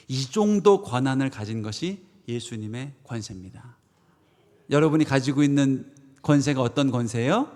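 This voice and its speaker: A pastor preaching a Sunday sermon, swinging from loud proclamations to hushed asides and asking the congregation rhetorical questions. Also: male voice, mid-range voice. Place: church sanctuary. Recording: long church reverb.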